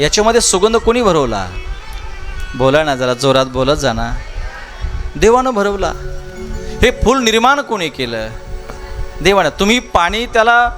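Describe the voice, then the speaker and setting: A man with a high-pitched, slightly bright voice preaches a devotional katha sermon on the Shiv Mahapuran before a large festival crowd. Speaking with a Marathi accent, this kirtan preacher leans on rhetorical questions and repeated phrases.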